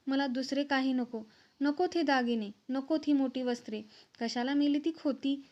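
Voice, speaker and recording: A woman's voice: high voice, fairly even intonation, moderate pace, darkish tone, natural voice. A woman reading aloud the fervent, beseeching prayer of a devout, anxious young wife. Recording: slightly dull, lo-fi recording.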